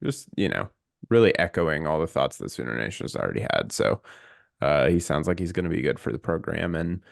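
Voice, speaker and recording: Deep gravelly male podcast co-host. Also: lively intonation, a little fast, no room sound, studio quality. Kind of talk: casual sports chat.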